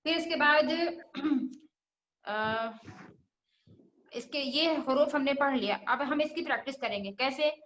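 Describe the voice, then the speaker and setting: A woman's voice: high voice, slow, pauses often, fairly bright tone, reverberant, slight background noise. A woman teaching children Quran recitation, patiently repeating each letter sound and asking questions as she goes. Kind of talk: religious lesson for children.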